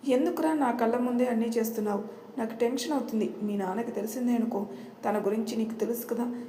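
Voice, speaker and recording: A woman's voice: a little high, fairly even intonation, fast, dark tone, echoey room, a little hiss or hum, close to an everyday voice. A woman voicing an angry, anxious middle-aged mother-in-law who scolds her family in an audio story. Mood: scolding.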